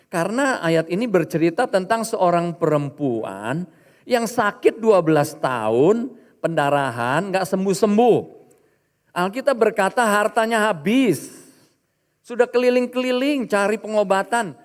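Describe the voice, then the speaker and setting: A male pastor with a high voice preaching in church. He is animated and plays out the quoted lines of the people in his stories. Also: big-room sound. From Indonesia. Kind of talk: sermon.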